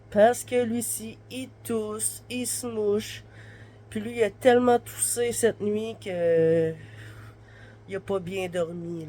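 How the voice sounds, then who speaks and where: A woman in her thirties with a Québécois accent vlogs casually from her bed in her bedroom, rambling and using lots of fillers. Her warm, medium-pitched voice sounds stuffy and congested from the flu, and a little hiss or hum runs under it.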